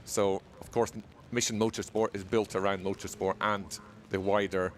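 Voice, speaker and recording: A man's voice: lowish voice, level tone, moderate pace, a little hiss or hum. A middle-aged man from Scotland, a volunteer being interviewed at a race event, who talks in a friendly way and often repeats words as he searches for them. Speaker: volunteer guest. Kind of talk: casual interview.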